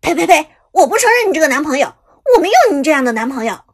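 A woman voicing a brash, hot-headed young man who shouts and rants hysterically in an audiobook. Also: high-pitched, big pitch swings, fast. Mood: hostile.

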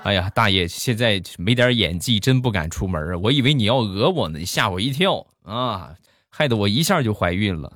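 A man's voice: on the low side, expressive, brisk, over music. A man telling comic anecdotes in a chatty style, building up to punchlines. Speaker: comedy storyteller.

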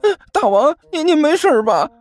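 A man's voice: extremely high pitch, expressive, normal speed, a little mellow, no echo, faint music behind, pitched above the performer's own voice. A man voicing a nervous, deferential male underling who stammers. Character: timid fawning male underling, stammering servant.

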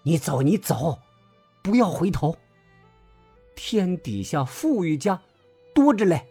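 A harsh old grandmother in a spoken storybook, barking orders in a husky, rough-edged voice, as a male narrator puts her on. Her tone swings widely, rising sharply when she scolds, and she speaks slowly and deliberately. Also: a little high, very animated, dark tone, soft background music, heavily acted. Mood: gruff. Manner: scolding and commanding. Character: poor old grandmother, stern and harsh but soft-hearted.

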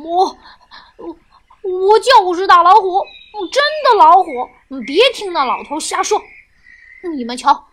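A woman voicing a boastful tiger in a children's story, bragging loudly and stammering. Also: very high voice, animated, unhurried, voice pushed up, heavily acted. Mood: defiant. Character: boastful bullying tiger, once a mouse.

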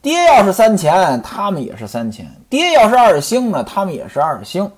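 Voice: mid-range voice, wildly swooping pitch, moderate pace, husky. A storyteller voicing a clever young male servant eagerly explaining his master's habits. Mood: knowing.

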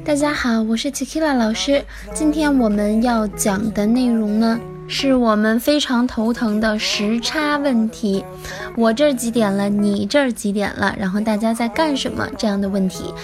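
A woman's voice: fairly high pitch, moderate pace, music in the background. A woman teaching English, explaining phrase by phrase and repeating the English lines. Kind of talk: language lesson explanation.

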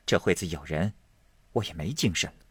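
A man voicing a brisk, teasing, authoritative young noblewoman in a storybook reading. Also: sits low, lively intonation, husky, no echo, heavily acted. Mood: commanding. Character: sharp, commanding young noblewoman of the household.

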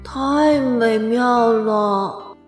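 A woman's voice: on the high side, drawn-out words, reverberant, in a large hall, faint music behind. A woman voicing a small, eager young male hedgehog who sounds earnest and hopeful. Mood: dreamy. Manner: earnest, childlike and wistful.

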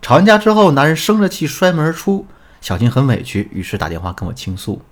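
A man's voice: fairly high pitch, huge pitch swings, fast talker. A middle-aged man hosting a relationship advice talk, explaining in an instructive storytelling way.

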